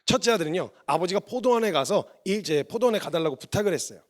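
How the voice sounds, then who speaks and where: A man's voice: sits high, lively intonation, fast. A man missionary preaching a sermon, telling stories and acting out the dialogue, earnest and confessional.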